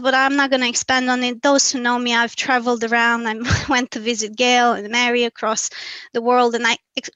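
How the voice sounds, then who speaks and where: Reflective and earnest, a woman from Romania delivers an academic talk over a webinar, considering each point as she goes. Her fairly high, bright voice stays within a narrow, even range, and the close, dry recording has no echo.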